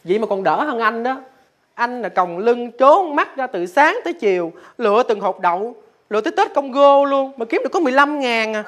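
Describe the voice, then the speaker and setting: A woman's voice: on the high side, animated, fairly quick, close to an everyday voice. A woman with a Southern Vietnamese accent playing a cocky, boastful young sibling, retorting with mock exasperation. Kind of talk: rural family TV drama.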